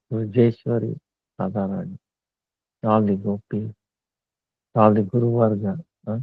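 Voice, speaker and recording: A man giving a slow devotional discourse, pausing often with fillers. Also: fairly low pitch, creaky, no room sound. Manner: slow halting talk with many fillers. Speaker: spiritual teacher. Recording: tinny phone-like line.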